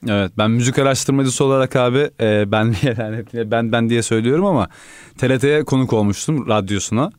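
A quick-talking man from the Aegean region of Turkey chats on the radio, joking around while staying deferential. He is a music researcher and talks at a brisk clip. The mic is close and dry. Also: mid-range voice, a little mellow, clean tone, no room sound. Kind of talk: casual radio chat.

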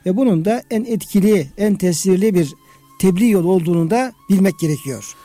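A man hosting a religious discussion speaks in a rather high but very dark, soft-edged voice. He explains things conversationally and repeats phrases for emphasis. Music plays behind him. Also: expressive, a little fast, no room sound.

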